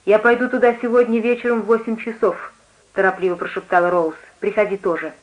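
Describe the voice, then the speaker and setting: A woman voicing a rough, blunt country woman who talks curtly and snaps at people. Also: medium pitch, steady tone, fast, phone-quality sound, close to an everyday voice. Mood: coaxing. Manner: curt and snappish. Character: rough, blunt grown woman innkeeper's cook.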